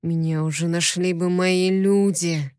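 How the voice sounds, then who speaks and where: A woman voicing a menacing low-voiced alien captive. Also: steady tone, darkish tone, smooth, no room sound, studio quality, close to an everyday voice. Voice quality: deep low voice. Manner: slow, threatening, sarcastic. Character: menacing powerful male alien captive, mocking.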